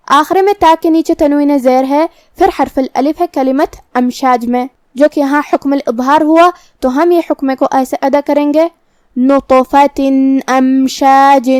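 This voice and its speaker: Female tajweed teacher, high voice, careful step-by-step explanations. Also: a little mellow, dry recording, studio quality. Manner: explains each letter rule methodically, then recites words slowly. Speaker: Quran recitation teacher. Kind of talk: tajweed lesson with slow recited examples.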